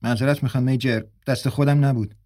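A man's voice: medium pitch, a little mellow, no room sound, studio quality, lightly acted. A male narrator voicing a young actor who apologizes hurriedly yet keeps a proud, defiant edge. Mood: apologetic.

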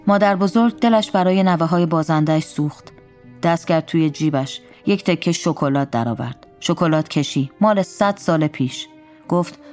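A woman reading a first-person story aloud in a calm, wry storytelling manner. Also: low-pitched.

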